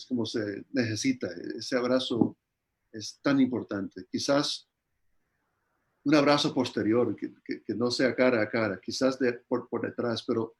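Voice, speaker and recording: Earnest older man preaching. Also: mid-range voice. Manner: earnest, with repeated words and restarts. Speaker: guest pastor answering questions. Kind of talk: sermon-style answers in an online church conference.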